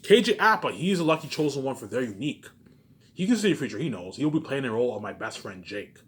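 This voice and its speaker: A fast-talking vlogger with a medium-pitched, highly animated voice rambles on alone to his phone camera. He boasts, hammers points home repeatedly, and often asks something before answering it himself.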